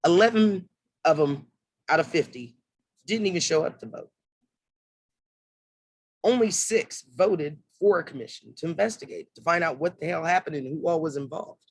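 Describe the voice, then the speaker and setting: A man's voice: fairly high pitch, moderate pace, no room sound. Fired-up man, dry close sound. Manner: heated, swears, acts out quotes in lively asides. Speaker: political commentator. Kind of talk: impassioned political monologue.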